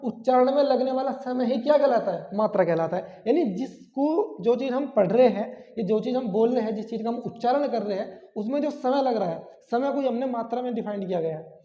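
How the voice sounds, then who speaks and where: A man's voice: extremely high pitch, animated, fairly quick, warm tone. A man teaching an exam-prep grammar lesson, repeating key terms and asking rhetorical questions. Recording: echoey, dull lo-fi classroom sound.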